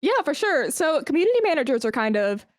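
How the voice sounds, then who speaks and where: An esports brand manager appears as a podcast guest in a casual interview, sharing stories candidly and informally with plenty of "like." Her high, sing-song voice runs a little fast, recorded dry with studio quality.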